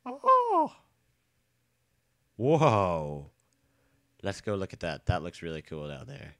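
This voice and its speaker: A man's voice: low voice, animated, fairly quick, vocal fry, a little mellow, dry recording, clean studio sound. A man giving casual, rambling commentary while playing a game, nasal from a cold, joking and swearing freely. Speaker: let's play host.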